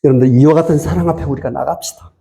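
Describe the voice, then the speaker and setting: A male preacher giving a sermon in a church, swinging from quiet talk to impassioned, tearful cries. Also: on the high side, very fast, gravelly. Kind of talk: sermon at a gospel meeting.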